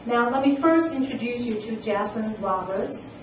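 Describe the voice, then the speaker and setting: Speaking at a moderate pace in a fairly high, expressive voice, an immigrant woman presents earnestly at a conference, leaning on frequent fillers. The conference room echoes, she's picked up by a distant mic, and a little hiss or hum can be heard.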